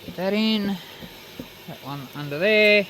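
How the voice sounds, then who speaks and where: The speaker, a DIY metalworking presenter, casually walks through hands-on metalwork step by step from his home metal workshop. His voice sits high and sounds bright and forceful, and he doesn't hurry. The recording is low quality, with clear machinery noise from a running saw, clicks and other machines.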